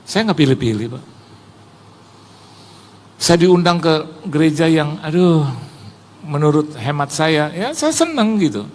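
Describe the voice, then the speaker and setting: A male pastor, preaching a lively sermon full of stories and acted-out voices. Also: fairly high pitch, a little slow, pauses often, big-room sound. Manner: animated, acts out quoted voices, chatty Jakarta slang.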